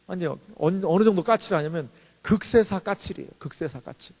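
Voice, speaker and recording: Korean man preaching, very high voice. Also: brisk, gravelly. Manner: animated preaching with rhetorical questions and acted-out stories. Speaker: pastor. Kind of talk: sermon. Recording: long reverb in a church hall.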